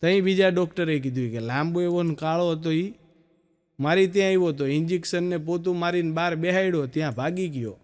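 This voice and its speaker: A man with a Gujarati accent telling stand-up jokes, storytelling and acting out quick dialogue. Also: a little high, a little mellow. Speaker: stand-up comedian.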